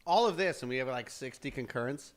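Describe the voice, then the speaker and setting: American male co-host, animated intonation, chatty, drifts off mid-sentence. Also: medium pitch, quick pace. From United States. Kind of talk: casual chat while eating hot peppers.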